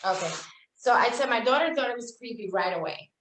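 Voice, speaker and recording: A woman's voice: a little high, lively intonation, a little fast, a bit bright, a little hiss or hum. A woman co-hosting a podcast, telling a story in casual chat and acting out the quoted lines. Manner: storytelling, acts out quoted dialogue. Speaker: podcast co-host. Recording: echoey, distant from mic.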